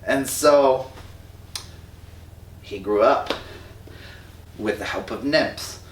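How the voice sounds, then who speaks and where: At an extremely slow pace and medium pitch, a storyteller rambles through a comic retelling of a myth while drinking, using plenty of slang. The recording is roomy and echoey from a distant mic, with a little hiss or hum.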